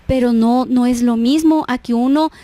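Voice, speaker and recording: A woman's voice: on the high side, moderate pace, dark tone, dry recording. A woman giving an earnest devotional talk at church, often checking in with her listeners. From Guatemala. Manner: earnest, tags phrases with "¿verdad?". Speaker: church speaker.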